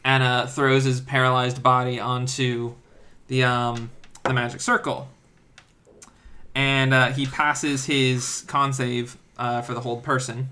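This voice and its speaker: A man narrating as game master of a tabletop game, with hesitant pauses. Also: mid-range voice, level tone, pushed and bright.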